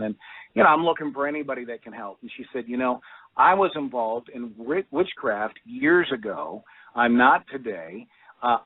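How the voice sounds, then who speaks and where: A man's voice: medium pitch, dry recording. A man, a guest author, telling a personal story in a radio call-in interview, acting out the quoted voices. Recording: thin phone-line sound.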